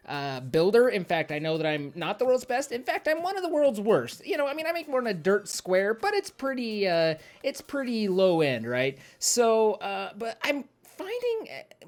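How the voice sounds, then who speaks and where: A man chatting casually to viewers as a game streamer, excitable and rambling, often self-deprecating. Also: sits high. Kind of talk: casual live-stream chat.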